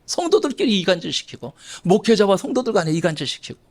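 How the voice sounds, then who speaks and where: A man's voice: high voice, very animated, quick pace. A middle-aged man preaching a Sunday sermon as a pastor, emphatic and repeating key phrases as he speaks to the congregation.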